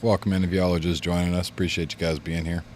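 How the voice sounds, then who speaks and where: This deep, level-toned man talks fast, streaming games and chatting casually with his viewers in a laid-back, rambling livestream. A recent illness has left his chest congested. There's slight background noise from a fan blowing near the mic.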